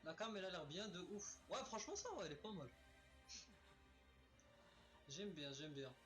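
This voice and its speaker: Excitable male gamer on a webcam mic, high and bouncy, cursing at enemies over faint game music. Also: moderate pace. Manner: excitable, exclaiming, swearing at enemies. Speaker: let's play gamer. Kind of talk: excited gameplay commentary. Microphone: webcam's built-in microphone.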